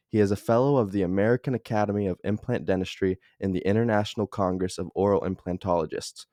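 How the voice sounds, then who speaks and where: Low-voiced man reading a podcast intro. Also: darkish tone, dry recording, studio quality. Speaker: podcast co-host.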